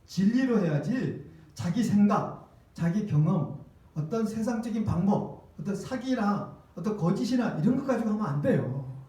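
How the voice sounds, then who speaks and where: A male pastor preaches with insistent emphasis, often turning questions back to his listeners. His voice sits high for a man. It booms around a very reverberant church hall, picked up from well back. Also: lively intonation, moderate pace, warm tone. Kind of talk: sermon. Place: church sanctuary. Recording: echoey church hall, distant mic.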